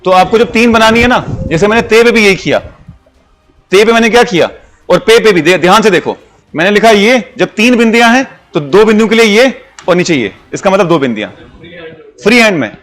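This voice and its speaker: A man teaches a class, explaining things patiently one step at a time. His voice sits high for a man, and he keeps dropping English phrases into his Hindi. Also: animated, fairly quick, a bit bright, slight background noise. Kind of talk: classroom lesson.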